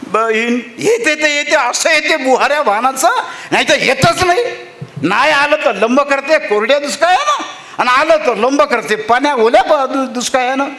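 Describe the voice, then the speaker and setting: A man's voice: very high voice, lively intonation, normal speed, sharp tone, voice pushed up, heavily acted. A man voicing a desperate farmer who sobs and complains bitterly. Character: desperate sobbing farmer, bitter about rain.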